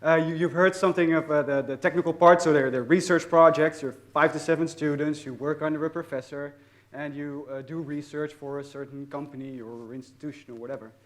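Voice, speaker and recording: A man's voice: fairly high pitch, steady tone, brisk. A young man with a Dutch accent telling an audience about his student project, often repeating words and poking fun at himself. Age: young adult. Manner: hesitant, repeats words often, self-mocking humor. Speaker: student speaker. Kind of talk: personal story told to an audience.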